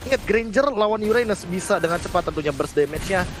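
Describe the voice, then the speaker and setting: Male Indonesian esports analyst, quick, explanatory delivery, clear noise behind. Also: sits high, expressive. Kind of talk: analytical game commentary.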